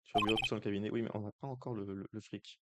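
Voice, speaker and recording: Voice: mid-range voice, steady tone, racing, very noisy. A let's-play commentator giving casual, joking gameplay commentary full of slang and swearing. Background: loud game music.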